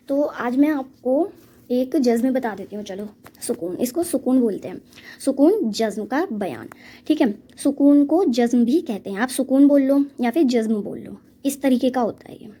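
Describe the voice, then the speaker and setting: Woman tutor, kinda high but mellow tone, slow patient drills, keeps checking in. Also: breathy edge. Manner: patient, repeats "ठीक है" and drills letter sounds slowly. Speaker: Quran reading teacher. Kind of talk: step-by-step recitation lesson.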